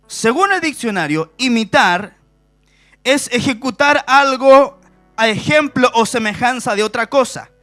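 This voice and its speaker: A man's voice: very high-pitched, sharp tone. A middle-aged man with a Chilean accent preaching a sermon, asking the congregation rhetorical questions and stressing key words. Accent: Chilean Spanish. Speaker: pastor. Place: church stage before a congregation.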